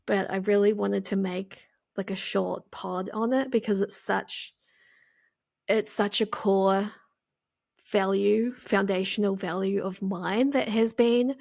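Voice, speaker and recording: A young adult woman hosting a casual solo podcast, rambling in a relaxed way with lots of "like" fillers and the odd swear word. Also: mid-range voice, vocal fry. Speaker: podcast host.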